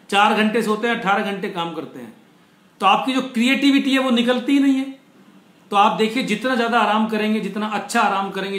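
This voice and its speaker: A man giving an online motivational lecture, explaining step by step, slowing down to stress key words and mixing English phrases into his talk. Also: high-pitched, fairly bright tone, roomy sound. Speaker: motivational speaker.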